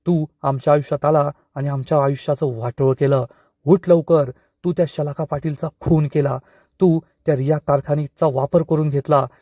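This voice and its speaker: Furious, threatening brother, shouting, read by a man with a mellow voice. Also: on the high side, steady tone, fairly quick, dry recording, highs cut off, natural voice. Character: angry young man, protective brother.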